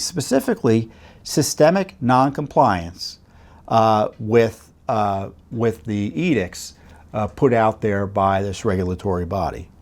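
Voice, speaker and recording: Male host, middle-aged, mid-pitched, loose conversational commentary with ums and asides. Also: a little mellow. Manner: conversational, with many fillers and rhetorical questions. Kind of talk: commentary to camera.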